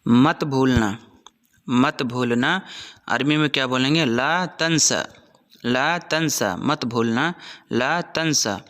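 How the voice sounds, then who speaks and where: Teaching spoken phrases to viewers in Hindi, this channel host and Arabic teacher has a mid-range voice that is bright and forceful. Each phrase is spoken slowly and repeated several times, followed by quicker, chatty remarks between drills.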